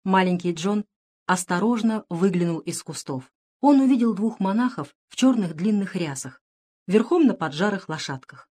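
A woman narrating an adventure storybook in a steady, measured way. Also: medium pitch.

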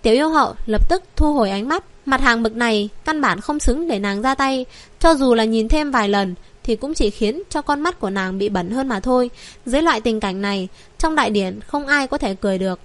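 Woman, high voice, audiobook narrator, steady even reading, fantasy novel. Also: a little fast, dry recording.

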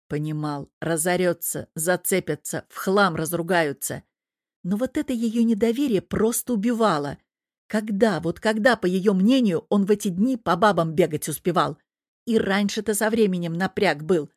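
A woman narrates an audiobook in a steady, even manner. Her voice sits on the low side, and the recording is dry and close-miked. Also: dry recording. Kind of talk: scripted narration.

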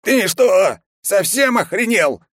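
A male reader voicing a hot-tempered, protective old retainer who shouts and blusters, raised in pitch, in an audiobook. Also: normal speed, dry recording, studio quality, natural voice. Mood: furious. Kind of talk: audiobook character voice.

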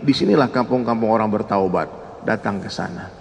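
Gravelly preacher in a reverberant hall. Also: male voice, fairly low pitch, fairly quick, a little hiss or hum. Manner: animated, addresses the audience directly. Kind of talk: humorous sermon storytelling.

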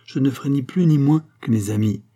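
A man reading aloud, voicing a calm, dignified king speaking gently to his wife. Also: mid-range voice, brisk, pitched above the performer's own voice, lightly acted. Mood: composed. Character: calm noble king, middle-aged man.

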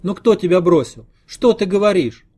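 A man's voice: high voice, animated, moderate pace, warm tone, slightly rough, pitched above the performer's own voice. A man reading an audiobook, voicing an anxious, devoted middle-aged wife in a raised, pleading voice. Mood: fretful.

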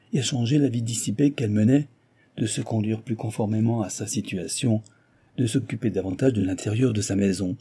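A man reading a classic novel aloud in measured, even narration. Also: on the low side, breathy edge. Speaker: audiobook narrator. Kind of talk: scripted narration.

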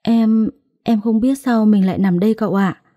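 Storybook: a woman doing a guileless young bride, lifted and mellow, dry close sound. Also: a little high, fairly even intonation, moderate pace, dry recording, pitched above the performer's own voice, close to an everyday voice. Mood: naive. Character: young village bride, naive and blunt.

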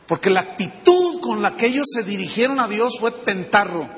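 A man preaches a sermon in a high, bright, forceful voice. He peppers his listeners with rhetorical questions and delivers each point with energy. His voice rings out with a long reverb, as in a large church hall. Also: expressive, moderate pace. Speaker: pastor.

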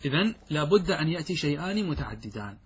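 A man with a husky voice and a fairly high pitch, giving a grammar lesson. He asks questions and answers them himself, and he slowly stretches out each quoted example. The recording sounds dull and lo-fi. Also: sing-song. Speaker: Islamic scholar teaching grammar. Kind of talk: classroom lecture.

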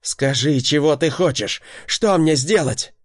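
An enraged young protector, voiced by a male narrator, roaring threats in a loud, slightly raised voice. He sounds desperate and wild, as if grief has turned to fury. The recording is dry and close. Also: mid-range voice, moderate pace, no echo, pitched above the performer's own voice, lightly acted. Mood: raging. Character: enraged wounded young man, fierce protector.

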